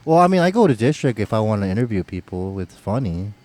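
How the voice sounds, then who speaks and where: A man's voice: fairly low pitch, sing-song, fast talker, darkish tone, slight background noise. A young man co-hosting a podcast in casual chat, talking bluntly and crudely in a rambling way. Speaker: podcast co-host.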